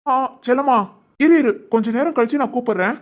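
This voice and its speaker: A woman voicing an eager young man in love in an animated village family story, with a southern Tamil Nadu accent, speaking affectionately and chuckling often. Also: on the high side, a little fast, natural voice. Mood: alarmed.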